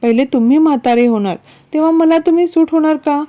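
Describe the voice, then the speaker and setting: A woman's voice: sits high, fast, mellow, pitched above the performer's own voice, lightly acted. A woman voicing a playful young wife who coaxes and sulks in a narrated story. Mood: coaxing. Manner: coaxing, pouty. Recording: dull lo-fi recording.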